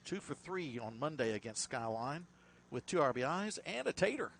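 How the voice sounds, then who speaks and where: A male play-by-play announcer calls a baseball game in a slightly higher voice, trading easy banter with his partner. His energy climbs sharply on big plays. Faint outdoor ambience sits behind him. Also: big pitch swings, moderate pace, vocal fry, a bit bright, a little hiss or hum. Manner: chatty, laughs with his partner. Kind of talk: baseball commentary.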